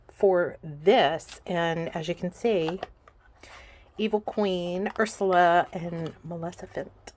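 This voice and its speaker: A woman vlogger chatting casually through an unboxing in her home office, gushing and excitable, with lots of "um"s. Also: lowish voice. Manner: gushing and excitable, many fillers.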